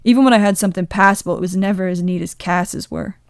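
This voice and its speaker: A woman voicing a young man in his twenties, sheepishly and tenderly recounting a memory in halting confessional storytelling. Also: mid-range voice, clear, resonant tone, no room sound, clean studio sound, natural voice. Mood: wistful.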